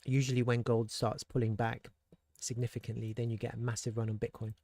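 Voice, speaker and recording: A man talks through market charts in a loose, thinking-aloud way, tossing in rhetorical questions and restarting sentences. His voice sits in an ordinary middle pitch. The recording is dry and close, with no room sound around it. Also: flat delivery, brisk, a little mellow, dry recording. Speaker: crypto market analyst. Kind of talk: casual market commentary.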